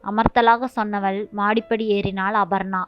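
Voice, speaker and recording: A woman narrating a short story in a steady, even reading voice. The recording is dull and lo-fi, with faint music playing under her. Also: medium pitch, normal speed.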